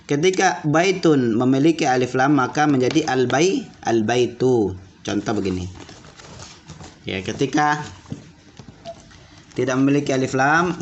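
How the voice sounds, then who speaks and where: A man teaching basic Arabic to children, repeating words slowly and checking that they understood. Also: mid-range voice. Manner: repeats words slowly and asks questions back. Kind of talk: classroom lesson for children. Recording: dull lo-fi audio with faint room noise.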